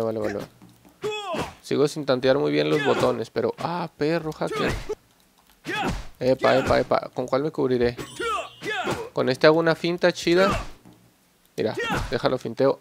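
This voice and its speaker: A young man giving excited, joking gameplay commentary and swearing at his opponents. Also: mid-range voice, creaky, noisy background. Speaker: gameplay channel host.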